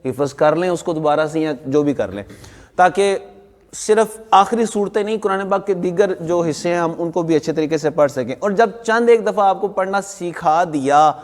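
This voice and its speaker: A man teaching recitation addresses his class in an animated, firm, emphatic way, breaking off to put questions to the students. His tone is darkish and his pitch sits slightly high for a male voice, with a long hall reverb ringing around it.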